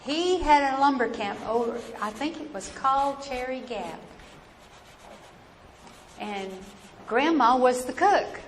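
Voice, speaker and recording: Woman storyteller, Appalachian accent, fairly high voice, unhurried, folksy and dramatic, reverberant hall. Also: expressive. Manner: folksy, dramatic, deliberate with pauses. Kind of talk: oral family storytelling, live performance. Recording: echoey hall with noticeable background noise.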